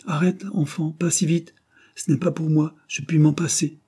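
A man voicing a kindly, selfless aging pastor who speaks earnestly and insists gently. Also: a little high, little pitch movement, moderate pace, breathy edge, voice pushed up.

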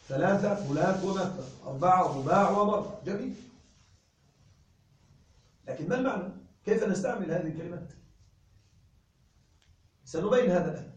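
A man teaching an Arabic grammar lesson, drawing out words, repeating patterns and checking that his listeners follow. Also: sits high. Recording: very echoey room, mic far off.

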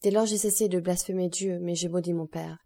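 A woman's voice: fairly low pitch, fairly even intonation, a little fast, creaky, mellow. Woman reading a bitter young male convict. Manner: bitter, defiant. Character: young male defiant criminal in court.

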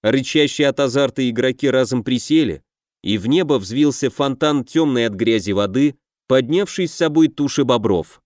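A man narrating a fantasy audiobook in a steady, measured way. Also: mid-range voice, dry recording, clean studio sound.

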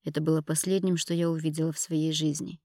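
Low-voiced woman narrating a story. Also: level tone, fast, dark tone, no room sound, clean studio sound. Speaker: audiobook narrator. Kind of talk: first-person scripted narration.

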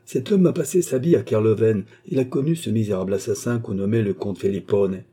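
A man voicing a calm, sharp-tongued male servant who speaks with quiet irony. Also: on the low side, a little fast, slightly rough. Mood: calm, needling.

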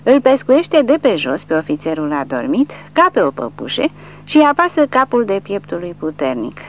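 A woman's voice: medium pitch, very animated. A woman narrating a war novel as an audiobook, reading with dramatic emphasis. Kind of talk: scripted narration. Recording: dull lo-fi recording with faint hum.

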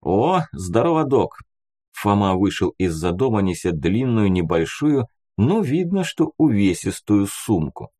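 Mellow, lively male audiobook narrator. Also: lowish voice, measured pace, hardly any pauses. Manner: first-person storytelling, steady and expressive. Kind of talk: audiobook narration of a fantasy novel.

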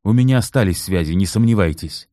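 A man's voice: low-pitched, animated, quick pace, warm tone, no echo, studio quality, pitched above the performer's own voice. A man voicing a stern former police officer questioning people in an audiobook reading. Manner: stern, firm, threatening.

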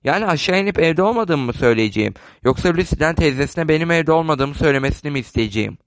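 A mocking, blunt young man who loves a dry joke, voiced by a male reader. Slightly high voice, close and dry, in an audiobook. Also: animated, fast, dry recording. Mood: sarcastic. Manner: sarcastic, teasing.

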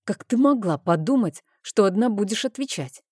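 A woman's voice: mid-range voice, lively intonation, normal speed, a little mellow, husky, no echo, clean studio sound, voice pushed up. A woman reading an edgy male dragon thief. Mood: upset. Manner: agitated, snapping and scolding. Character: anxious, short-tempered male dragon thief. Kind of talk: audiobook character voice.

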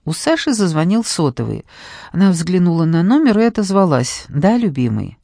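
A female audiobook narrator reads a novel chapter in scripted, even, measured storytelling. Her voice is lowish, and the recording is dry and of studio quality.

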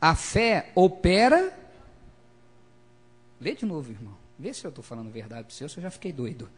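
Husky preacher calling out to a congregation. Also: male voice, medium pitch, sing-song, very fast. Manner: calls for congregation responses, swings between loud emphasis and quiet asides. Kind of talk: lively sermon to a congregation.

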